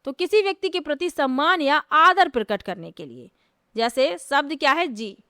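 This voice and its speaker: A woman's voice: high voice, animated, moderate pace, bright, forceful tone, no room sound, studio quality. A woman teacher giving an exam-prep grammar lesson, explaining step by step and asking herself rhetorical questions before answering them.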